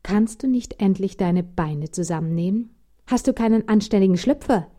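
Eine Frau, die eine strenge, nörgelnde Mutter spricht, schrill und vorwurfsvoll. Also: female voice, unhurried, warm tone. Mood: scolding. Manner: shrill, nagging, scolding. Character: strict nagging mother, sharp and disapproving.

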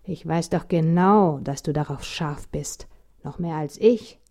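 Eine Frau, die einen bedrohlichen, groben hinkenden Mann mittleren Alters spricht, laut und scheltend, mit gesenkter Stimme. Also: female voice, low voice, unhurried. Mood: menacing. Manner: harsh, scolding, loud. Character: abusive limping middle-aged man, menacing and coarse.

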